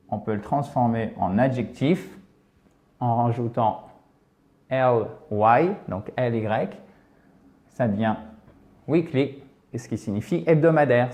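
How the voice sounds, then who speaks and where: A man's voice: medium pitch, a little mellow. A man teaching an English lesson in French, explaining patiently and checking in often with his students.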